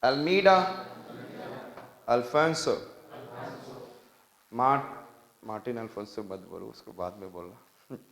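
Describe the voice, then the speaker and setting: A man's voice: on the low side, normal speed, gravelly, bright, forceful tone, echoey room, poor audio. A man with an Indian accent teaching an exam coaching class, emphatic and quizzing students to repeat after him. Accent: Indian English. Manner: emphatic, asks class to repeat, mixes English and Hindi.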